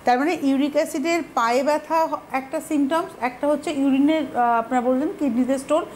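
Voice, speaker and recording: High-voiced woman hosting. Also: steady tone, fairly quick, a little mellow, a little hiss or hum. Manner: firm, guiding, politely questions callers. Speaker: TV show host. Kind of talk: hosting a health phone-in show.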